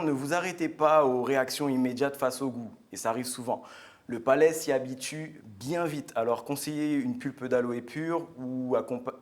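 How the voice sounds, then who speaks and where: A man from French Guiana giving an earnest, chatty product talk on a live studio show, with frequent fillers and restarts. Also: mid-range voice. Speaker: guest speaker.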